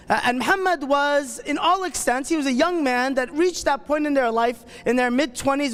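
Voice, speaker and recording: A man's voice: extremely high pitch, fairly bright tone, smooth. A man giving a youth talk at a convention, telling a story in casual slang with frequent fillers. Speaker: youth speaker. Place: large convention hall. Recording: long reverb of a large hall.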